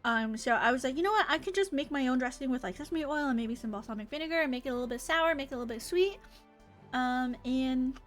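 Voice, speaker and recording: Over game music, a female streamer talks fast in a high, expressive voice. She rambles informally as she plays an online game and reads its dialogue out loud.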